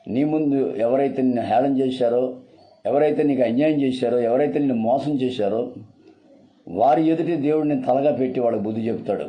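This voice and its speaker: A man's voice: medium pitch, a little fast, dull audio. A man preaching a sermon in an earnest, repetitive, urgent style.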